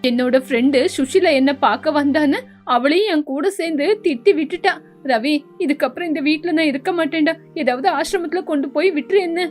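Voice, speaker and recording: A woman voicing a bossy, nagging older mother-in-law who scolds sarcastically in an animated story. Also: high-pitched, a little fast, soft background music, natural voice. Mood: self-pitying. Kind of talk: storybook voice acting.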